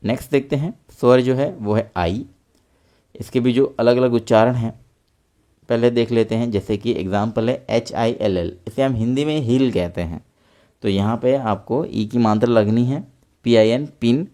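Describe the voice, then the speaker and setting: A male teacher gives a patient online lesson with a warm, mellow tone. He spells out each word letter by letter before slowly saying it aloud, and repeats his points in a friendly way for the viewers. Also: mid-range voice. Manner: spells out English words letter by letter, then says them slowly; patient, repetitive explaining, addresses viewers as friends. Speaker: English grammar teacher.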